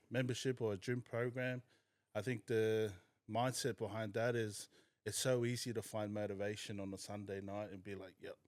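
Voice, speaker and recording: Young male guest from New Zealand, low-pitched, candid and reflective, dry close sound. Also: no echo. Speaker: podcast guest. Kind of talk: casual chat.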